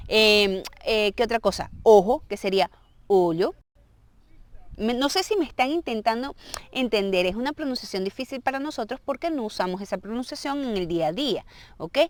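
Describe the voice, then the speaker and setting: Woman explaining patiently with constant "ok?". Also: medium pitch. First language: Spanish. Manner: explains patiently, checks understanding with frequent "ok?". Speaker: language teacher. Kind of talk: casual video lesson.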